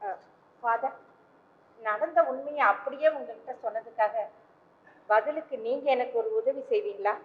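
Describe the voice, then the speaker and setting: A woman plays an anxious young mother who pleads hesitantly and stumbles over soft fillers. Her voice is high, on a dull old stage recording. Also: moderate pace, pauses often, lightly acted. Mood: pleading. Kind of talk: vintage stage play acting.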